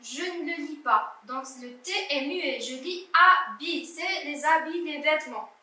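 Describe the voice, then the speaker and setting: A primary school teacher with a high, bright voice speaks slowly and deliberately, sounding out syllables for young pupils as she corrects exercises. The room is very echoey, and she is some distance from the microphone.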